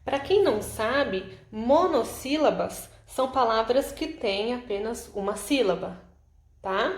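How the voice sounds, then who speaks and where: A Brazilian woman teacher with a slightly high voice talks through exercise answers. She speaks patiently and explains each step. The room echoes around her. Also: animated, slow. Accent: Brazilian Portuguese. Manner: patient, explanatory, checks in with frequent "tá?". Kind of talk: correcting homework exercises.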